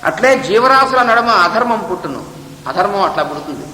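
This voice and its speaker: Guy explaining scripture, high tense voice, roomy hall echo. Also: lively intonation, sharp tone, slight background noise. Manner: explanatory, reads a text then expounds it; chants Sanskrit verses slowly. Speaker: spiritual teacher. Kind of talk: Gita discourse.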